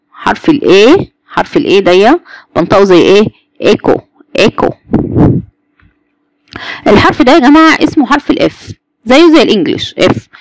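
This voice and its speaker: A woman's voice: medium pitch, vocal fry, dry recording. A woman with an Egyptian Arabic accent teaching German letters to a class, patiently repeating each sound and asking the students questions. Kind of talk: Egyptian Arabic alphabet lesson.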